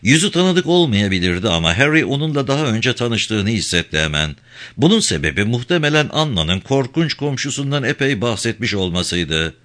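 A man reading a crime novel aloud as the narrator, in an expressive storytelling manner. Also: medium pitch, brisk. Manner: expressive reading with voiced dialogue. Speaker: audiobook narrator. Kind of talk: scripted narration.

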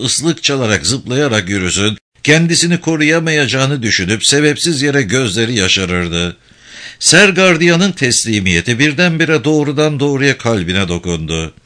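A man's voice: mid-range voice, big pitch swings, normal speed, pushed and bright. A man narrating a story expressively in an audiobook reading.

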